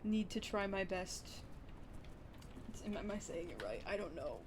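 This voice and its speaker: A woman's voice: medium pitch, sing-song, moderate pace, noisy background. A young woman with a Wisconsin accent, a livestreamer chatting casually with her viewers and rambling between topics. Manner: rambling, talks to chat with lots of "like" and "dude".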